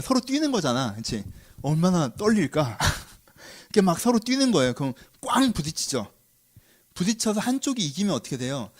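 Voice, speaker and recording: A man preaching a sermon, constantly asking his listeners questions and answering them himself. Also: on the high side. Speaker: pastor.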